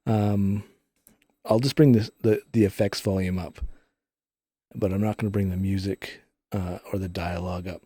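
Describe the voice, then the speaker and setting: Male game streamer, casual and rambling, dark mellow tone, heavily compressed vocal, very dry studio sound. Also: deep voice, fairly even intonation, moderate pace, long pauses, no room sound. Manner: rambling, explains technical details while playing. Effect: audio compressor on voice. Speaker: live-streaming gamer and host. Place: recording studio. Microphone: studio microphones through a multichannel input.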